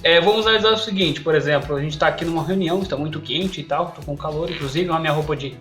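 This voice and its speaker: A man's voice: fairly high pitch, very fast, a bit bright, faint music behind. A man giving an online English lesson, who keeps checking in with "ok?" and "perfeito?". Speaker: English teacher.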